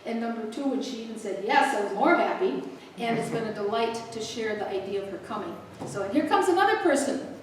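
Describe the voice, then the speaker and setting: An older woman hosts a community event, chatty and joking with plenty of asides. Her voice sits a little high and reaches the mic from a distance. It rings around a very echoey hall with a faint hum behind it. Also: animated, fairly quick. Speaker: host introducing a speaker. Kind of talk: casual welcome speech to a live audience. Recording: echoey room picked up from a distance.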